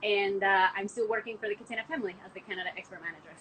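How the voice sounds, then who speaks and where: A woman's voice: medium pitch, racing, a bit bright, a little hiss or hum, rough recording. A young woman from Argentina, a wine export manager, talking about wine on a casual podcast call, gushing and full of "like" fillers. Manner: enthusiastic, chatty, many "like" fillers. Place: home, from a window view of the city.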